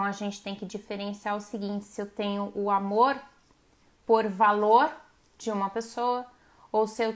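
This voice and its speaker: A woman hosting a live stream. She gives a casual motivational talk and speaks straight to her viewers. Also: mid-range voice. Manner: conversational, addresses viewers directly and acts out quoted voices.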